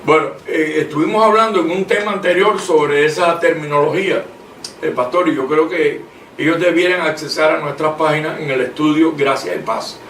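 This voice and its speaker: High-pitched male preacher, emphatic, reads verses slowly; distant mic in a roomy space. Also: fairly bright tone. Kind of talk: preaching in conversation. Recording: echoey room, mic at a distance, faint noise.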